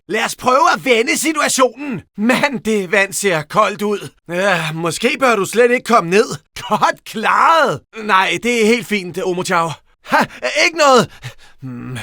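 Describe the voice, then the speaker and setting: A man voicing a young, cocky, quick-witted hedgehog hero for an animated video game, teasing and full of energy. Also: sits high, no echo, clean studio sound, full character voice. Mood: determined, wry, then sarcastic, casual.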